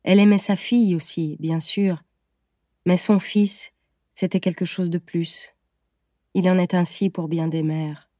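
Low, mellow woman narrating a story. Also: steady tone, no room sound, clean studio sound. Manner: measured, gentle storytelling. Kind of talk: scripted audiobook narration.

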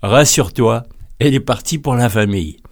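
A man voicing a chatty young woman who talks quickly. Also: medium pitch, lightly acted. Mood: reassuring.

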